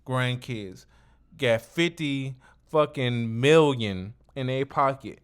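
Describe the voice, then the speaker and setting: Slow-paced and clear, this man's mid-range voice has a resonant tone. He's the host of an informal interview, swearing, using lots of slang, and driving his words home repetitively.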